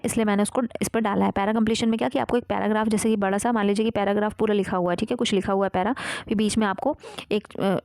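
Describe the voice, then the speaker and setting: A woman's voice: mid-range voice, darkish tone, dry recording. A woman teaching an exam-prep English lesson, explaining step by step and checking in often. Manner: explanatory, frequent "theek hai" check-ins.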